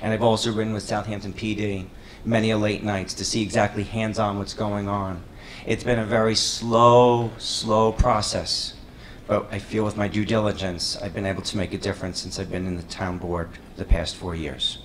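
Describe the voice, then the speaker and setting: A councilman with a New York accent giving an earnest, measured opening statement at a debate. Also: lowish voice, little pitch movement, slight background noise, low-quality recording. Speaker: town councilman and candidate. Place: public meeting hall.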